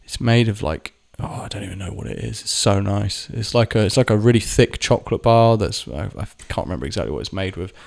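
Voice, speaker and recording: A man's voice: on the low side, fairly quick, gravelly, hardly any pauses, darkish tone. A man telling a rambling, sweary personal story to camera, often stopping to correct himself. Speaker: vlogger. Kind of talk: casual storytelling monologue.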